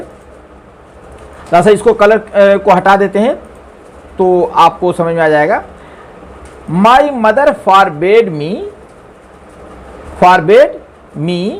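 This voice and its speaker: A man teaching English grammar, explaining slowly and reading the English examples out word by word. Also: high voice. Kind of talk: explaining a grammar lesson on screen.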